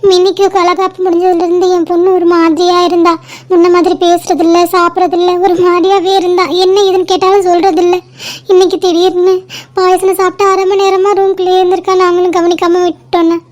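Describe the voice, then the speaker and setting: A woman's voice: very high voice, flat delivery, a little fast, darkish tone. A woman voicing a distraught aunt in a cartoon, pleading tearfully over the phone. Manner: sobbing, pleading. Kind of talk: cartoon voice acting.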